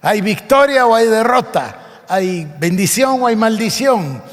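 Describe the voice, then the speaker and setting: A man's voice: sits high, sing-song, unhurried, big-room sound. A man preaching a sermon, reading scripture aloud and explaining it with emphasis. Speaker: pastor.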